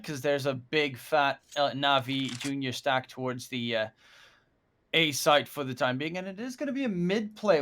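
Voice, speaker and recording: A man giving live esports match commentary as a caster, lifting excitedly on key plays. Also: on the high side. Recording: faint game noise and gunfire.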